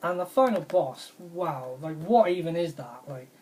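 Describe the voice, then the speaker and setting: A woman's voice: on the low side, expressive, measured pace, mellow. A woman, casually reviewing her favourite retro video games in an enthusiastic, rambling way and repeating her praise. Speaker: video game vlogger.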